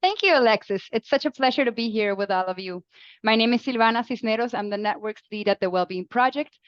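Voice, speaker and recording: A woman's voice: fairly high pitch, quick pace, dry recording. A woman from Venezuela introducing herself as networks lead, over dry, dull call audio. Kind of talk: self-introduction on a video call.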